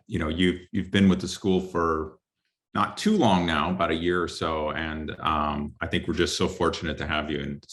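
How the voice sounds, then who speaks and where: Low-voiced man hosting a panel. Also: fairly bright tone. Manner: friendly, halting introductions with restarts. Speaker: dean and panel host. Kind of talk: moderating a panel discussion.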